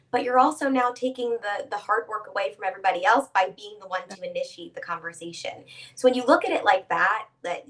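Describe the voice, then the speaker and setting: A woman's voice: mid-range voice, a bit bright, recorded from a distance. Woman explaining etiquette, set back from the mic. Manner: measured, explanatory, speaks with her hands. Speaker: etiquette instructor, guest. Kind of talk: conversational interview.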